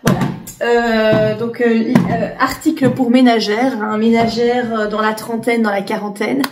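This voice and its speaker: A woman in her late thirties talks casually to her camera, with a fairly high voice. She chats loosely, full of fillers and restarts. The room echoes around her. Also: level tone, measured pace, noisy background. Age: 30s. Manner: chatty, many fillers and restarts. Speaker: vlogger. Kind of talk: casual chat.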